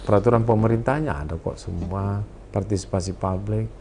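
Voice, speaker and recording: A man with a South Sulawesi Indonesian accent speaks in a mellow, warm tone on a political talk show. He lectures earnestly, setting out his points in ordered lists. Faint noise hums behind him. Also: fairly low pitch, a little fast, gravelly. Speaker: political party campaign official, guest.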